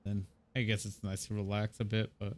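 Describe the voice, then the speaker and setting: A man's voice: lowish voice, flat delivery, brisk, darkish tone. A man in his twenties from Mexico, chatting casually and a bit hesitantly while streaming a game. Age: 20s. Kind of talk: casual gameplay chat.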